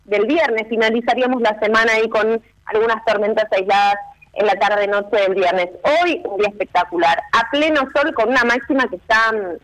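A woman's voice: fairly high pitch, fairly quick, fairly bright tone, low-quality recording. A woman with an Argentine accent hosting a morning radio show, upbeat and chatty. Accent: Argentine Spanish.

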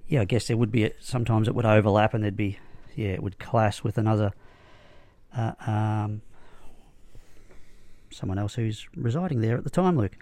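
A man's voice: fairly low pitch, normal speed, pauses often, mellow, no echo. A man hosting a casual interview chat, asking questions in a playful, chatty way. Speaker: podcast host.

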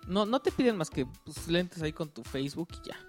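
A man's voice: fairly high pitch, animated, brisk, soft background music. A man with a Mexican accent chatting offhandedly in a casual gaming conversation. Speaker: podcast co-host. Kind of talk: casual chat about video games.

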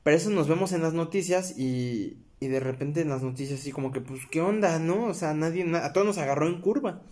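Chatty young Mexican guy, a bit high. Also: a little fast, a little mellow. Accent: Mexican Spanish. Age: young adult. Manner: rambling, full of fillers and self-corrections, addresses viewers as friends. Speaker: vlogger. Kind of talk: casual storytelling to camera.

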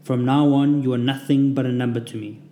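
Man voicing a Russian drill sergeant, thick accent, barking commands, loud, roomy echo. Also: medium pitch, steady tone, fairly quick, natural voice. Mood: barking orders. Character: tall, brutal male Russian drill sergeant.

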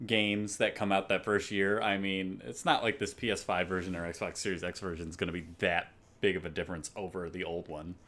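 A man's voice: low voice, little pitch movement, brisk, few pauses, fairly bright tone. A man co-hosting a gaming podcast, giving opinionated takes in casual chat with frequent restarts. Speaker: podcast co-host.

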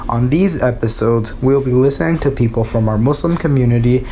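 A man hosting a podcast, opening with a measured, formal greeting and then interviewing his guest. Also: mid-range voice, warm tone, slight background noise. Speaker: podcast host. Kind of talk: scripted podcast intro and interviewing.

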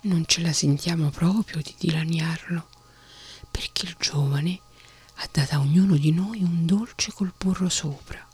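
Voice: mid-range voice, a little slow, a little mellow, slightly rough. Loyal grateful dogs, as a narrator puts them on, whispered role-play, faint music behind. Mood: refusing. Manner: whispered, refusing.

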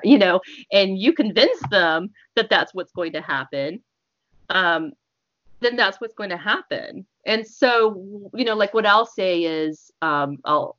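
Echoey, lower-pitched woman explaining casually. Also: a bit bright. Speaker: hypnotist interview guest. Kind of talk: conversational explanation with demonstrated hypnosis suggestions. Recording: echoey, muffled lo-fi call audio.

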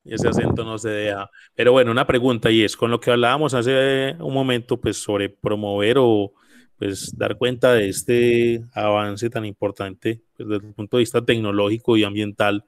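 A man's voice: medium pitch, fairly even intonation, moderate pace, clean tone, no echo, studio quality. A man hosts an interview, putting wordy, roundabout questions in a conversational way. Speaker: interviewer, host.

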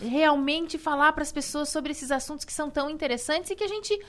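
A woman's voice: high-pitched, a little fast, fairly bright tone. A woman who co-hosts a radio talk show and trained as a journalist, speaking in an announcer-like way and laughing easily.

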